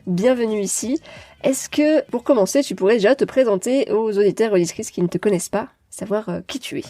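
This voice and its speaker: A woman's voice: medium pitch, a little fast, mellow. A woman hosting a podcast interview, speaking in a friendly, explanatory way with light laughs. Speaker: podcast host.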